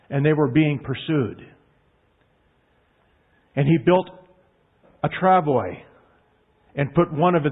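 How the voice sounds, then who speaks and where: A man preaching a sermon in an earnest, emphatic way, leaning hard on key words. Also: fairly high pitch. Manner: earnest, emphatic, drawn-out stresses. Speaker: pastor. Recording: tinny phone-like line.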